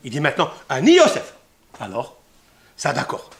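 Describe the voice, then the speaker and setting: A man giving a religious lesson on scripture, sprinkling Hebrew terms into his talk and swinging from hushed murmurs to loud exclamations. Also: mid-range voice, huge pitch swings, moderate pace, vocal fry. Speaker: Torah teacher.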